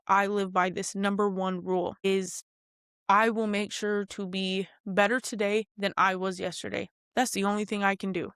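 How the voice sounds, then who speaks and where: A woman in her late twenties hosting a podcast alone, in a chatty, animated manner full of asides. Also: clean tone, no echo, studio quality. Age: 20s. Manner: chatty, animated, frequent asides and jumps in pitch. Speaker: podcast host. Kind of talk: casual solo podcast monologue.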